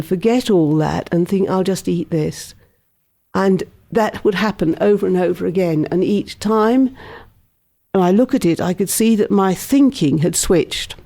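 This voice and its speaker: A woman from England, giving a thoughtful, candid personal testimony in an interview and laughing softly at times. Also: lowish voice, creaky. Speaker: interviewee, program member.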